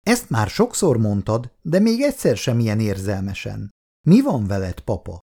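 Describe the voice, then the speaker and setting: A man reading aloud and voicing a brisk, bustling older working-class housewife who talks in a quick, chatty way. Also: on the low side, sing-song, vocal fry, mellow, heavily acted.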